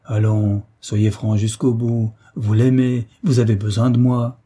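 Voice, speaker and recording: A man's voice: lowish voice, flat delivery, unhurried, mellow, slightly rough. A man voicing a gracious, teasing royal princess in an audiobook story, raised to a lighter, playful tone.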